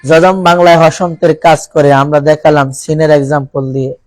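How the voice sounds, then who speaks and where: A man teaching Quran recitation in a college classroom with a Bangladeshi accent, reciting Arabic examples slowly and quizzing his students. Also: on the high side, little pitch movement, dry recording, rough recording. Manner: slow, drawn-out recitation of Arabic words as examples; asks the class questions and has them repeat.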